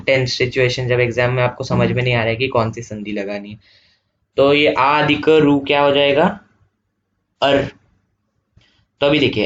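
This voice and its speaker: A man teaching an online revision lesson, explaining slowly and repeating each step, checking often that students follow. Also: medium pitch, dull audio. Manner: slow, repetitive explaining with frequent checks.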